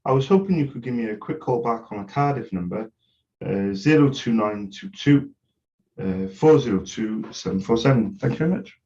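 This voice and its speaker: A man's voice: fairly low pitch, lively intonation, moderate pace, a little mellow. A man leaving a short voicemail message, hesitant with filler sounds. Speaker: caller. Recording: dull lo-fi recording.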